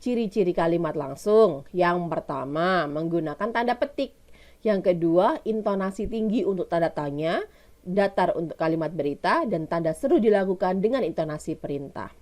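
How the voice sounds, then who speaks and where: A woman's voice: on the low side, expressive, moderate pace, a little mellow. A woman teacher with an Indonesian accent giving a recorded lesson, explaining step by step and asking her pupils questions she answers herself.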